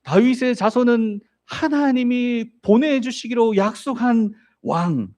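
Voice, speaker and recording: Male pastor, sermon delivery: high and mellow voice, very lively intonation, storytelling with rhetorical questions. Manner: asks the congregation rhetorical questions.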